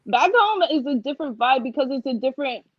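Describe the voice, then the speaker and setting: A woman's voice: sits high, animated, fast, no echo. Upbeat chatty woman, dull dry sound. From Washington, D.C. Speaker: designer and guest. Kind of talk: casual interview.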